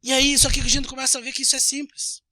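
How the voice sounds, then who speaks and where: A Brazilian man preaching a sermon as pastor, animated, acting out little everyday scenes with changing voices. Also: extremely high pitch, racing, no echo, clean studio sound. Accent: Brazilian Portuguese.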